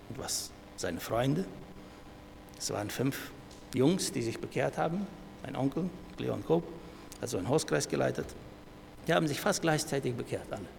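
A middle-aged man preaching a sermon, dropping to soft low asides and then raising his voice loudly when he quotes. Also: animated, normal speed, creaky, pauses often. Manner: swings between soft low asides and loud raised quoting. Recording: reverberant hall with faint noise.

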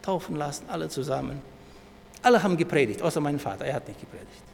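Gravelly middle-aged guy preaching, soft asides then loud bursts, echoey hall. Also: animated, fast talker. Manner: swings between soft low asides and loud raised quoting. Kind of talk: sermon. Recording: reverberant hall with faint noise.

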